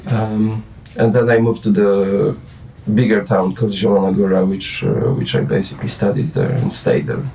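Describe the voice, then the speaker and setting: On a casual late-night show, a guest musician from Poland in his forties speaks with a Polish accent, hesitant and meandering, restarting often and filling gaps. His fairly low, dark voice has vocal fry and a normal speed. The low-quality recording places him far from the mic.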